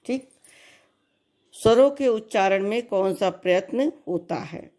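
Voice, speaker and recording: A woman teacher talks through a recorded class lesson, dictating answers slowly for students to copy. Her delivery is unhurried and measured, and her voice is mellow and warm. She repeats key points with patient care. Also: mid-range voice, expressive.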